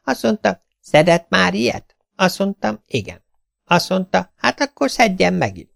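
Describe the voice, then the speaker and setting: A man's voice: sits high, sing-song, gravelly, dry recording, studio quality, pitched above the performer's own voice, full character voice. A man doing a rambling, grumbling village tailor. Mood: complaining, chatty. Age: 40s. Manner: rambling, complaining, theatrical. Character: chatty, self-pitying middle-aged male village tailor.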